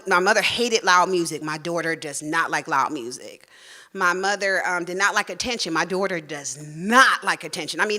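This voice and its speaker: A woman, telling a personal story live on stage and acting out the voices she quotes. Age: 40s. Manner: animated, acts out quoted voices with big pitch jumps.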